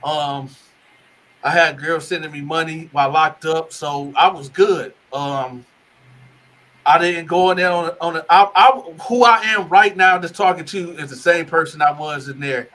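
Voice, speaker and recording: A man tells his own story in a casual interview, rambling and circling back over his words. His voice is bright and sits a little high. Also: normal speed, low-quality recording. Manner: rambling, restarts and repeats words. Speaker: guest telling his life story.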